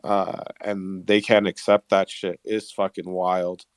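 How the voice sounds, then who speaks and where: A man's voice: deep voice, little pitch movement, slow pace, clear, resonant tone, no echo. A man chatting casually on a live audio call, ranting and swearing freely about travel trouble. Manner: swears a lot, frustrated rant. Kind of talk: casual chat.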